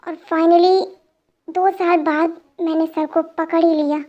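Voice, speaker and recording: A young woman voicing a stern young man who is an undercover police officer, speaking in a low, firm, explaining manner. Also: level tone, takes it slowly, muffled recording. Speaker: fan dubbing voice artist. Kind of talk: dramatic fan-dub voice acting.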